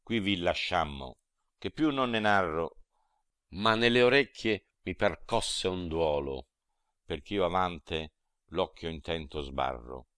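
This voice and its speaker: A man's voice: sits low, slow pace, a bit bright, clean tone, no room sound, studio quality. A man reciting old verse in a solemn, grave declamation. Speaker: reader. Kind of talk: dramatic poetry recitation.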